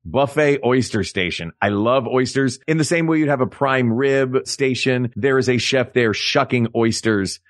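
A man co-hosting a comedic podcast, talking in a playful, animated way and building up his jokes. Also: mid-range voice, normal speed, hardly any pauses, dry recording, clean studio sound. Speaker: podcast co-host. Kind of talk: comedic casual chat.

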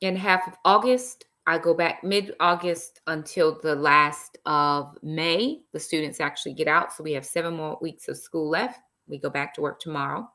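Her deep, sharp voice holds a steady tone at a moderate pace with hardly any pauses. The speaker is a middle-aged woman, an author hosting a relaxed live stream on her laptop webcam from an armchair in a small indoor room, peppering her talk with "y'all" and praise.

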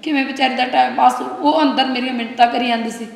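A woman's voice: sits high, fairly even intonation, fast, vocal fry, reverberant, long reverb tail. A woman playing a sarcastic, indignant daughter. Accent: Punjabi. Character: indignant young daughter taking her mother's side.

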